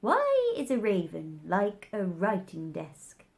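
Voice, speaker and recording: An eccentric, grumbling storybook hatter, a man played by a woman. He is blunt and contrary, drawing out his words with querulous, swooping pitch. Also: wildly swooping pitch, takes it slowly, vocal fry, exaggerated voice.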